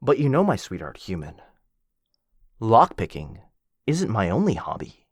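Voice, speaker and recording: In an ASMR boyfriend roleplay, a voice actor plays a boastful, jealous werewolf who mocks his rival with cocky, bouncy teasing. His lowish, exaggerated voice swoops wildly in pitch at an unhurried pace. The recording is dry and clean, studio quality.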